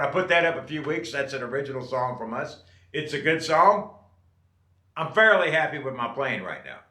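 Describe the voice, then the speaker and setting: On his channel, a late-fifties drummer shares folksy tips in a casual way, often pausing for an "okay?". The recording sounds roomy, and his slightly high voice has a sharp edge.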